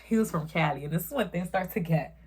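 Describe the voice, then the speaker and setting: A woman's voice: fairly low pitch, fast talker, a little mellow, slightly rough. A young woman, telling a profane, emphatic story in casual chat as she eats. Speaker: vlogger. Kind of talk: casual storytime while eating.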